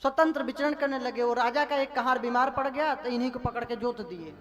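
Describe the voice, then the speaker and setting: A male storyteller giving a devotional sermon, folksy and lively, asking the audience questions as he tells a scripture story. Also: very high-pitched, brisk, soft background music.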